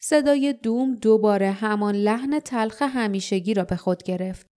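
A woman reading an audiobook aloud in a calm, even narration. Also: mid-range voice. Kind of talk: scripted narration.

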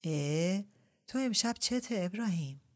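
A woman voicing a spirited, quick-tongued young bride who answers back higher and brighter than the narration. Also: lively intonation.

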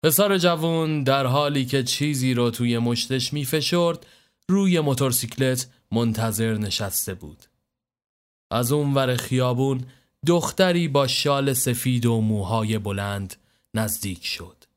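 A man reading a scripted story in a steady, even narrating voice. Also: mid-range voice, clear, resonant tone.

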